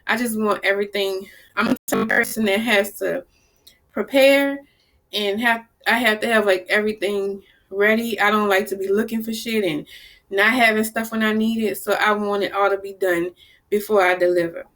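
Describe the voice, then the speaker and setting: Animated New woman telling stories. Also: mid-range voice, normal speed. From New Orleans, US South. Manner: animated storyteller, acts out quoted people, blunt and salty. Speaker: vlogger. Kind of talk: casual chat to camera.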